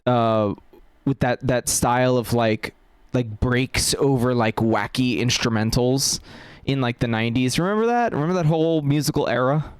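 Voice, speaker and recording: A man's voice: mid-range voice, moderate pace, smooth, no room sound. A man hosting a casual chat, rambling with lots of fillers and restarts. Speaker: podcast host.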